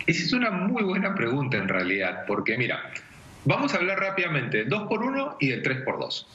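His voice slightly high, brisk, pushed and bright, with pitch that swoops wildly, this Peruvian man in his forties offers money advice as a TV segment's finance expert. He teaches through everyday examples in a conversational tone, connected by video call from an indoor room at home. The recording is dull and echoey.

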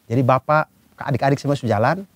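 A man's voice: mid-range voice, fast talker, no echo. A man telling a childhood story in casual chat with friends, acting out the scene as he goes. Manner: animated storyteller, acts out scenes with gestures.

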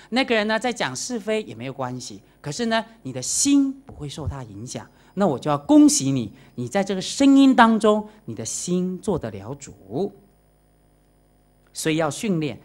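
A woman with a low voice gives a Buddhist dharma lecture. Her pitch rises and falls freely as she talks. She checks in with her listeners and acts out quoted voices as she teaches. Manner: animated, acts out quoted voices and asks the audience questions; mixes in English words. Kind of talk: dharma lecture to a live audience.

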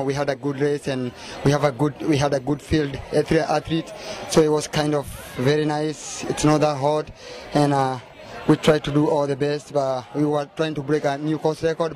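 Halting young man after a race. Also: fairly high pitch, little pitch movement, darkish tone. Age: young adult. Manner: halting, hesitant, restarts words. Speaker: race winner. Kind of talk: post-race interview. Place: outdoors at a street race finish. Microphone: handheld mic held by interviewer.

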